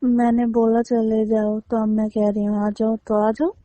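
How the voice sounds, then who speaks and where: Speaking to her partner over a phone line with dull, lo-fi sound and no echo, a woman uses a slightly high, mellow voice that is completely flat and a little slow. She keeps things casual and intimate, teasing him and grumbling gently.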